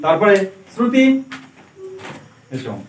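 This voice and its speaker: Male teacher, high lively voice, quizzing pupils, echoey classroom, recorded from a distance. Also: slow pace, slight background noise. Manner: quizzing pupils one by one, spelling out letters. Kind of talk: classroom lesson. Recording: roomy classroom, voice from afar.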